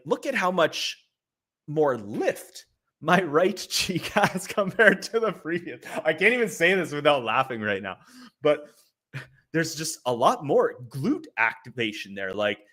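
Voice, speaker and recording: A man's voice: medium pitch, a bit bright. A man hosting a casual livestream commentary, chatty and loose, with lots of filler words and laughing asides. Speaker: livestream host. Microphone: streaming setup.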